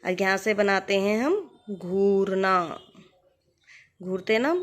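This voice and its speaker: A woman teaching a writing lesson, who speaks to the viewer patiently and stretches the example words out slowly. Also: mid-range voice, steady tone. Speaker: Hindi teacher. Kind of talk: explaining a Hindi writing lesson.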